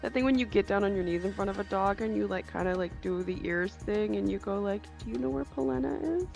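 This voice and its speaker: A woman playing a tabletop game, animated and playful as she speaks. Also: mid-range voice, fast talker, faint music behind. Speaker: player. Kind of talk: tabletop role-play.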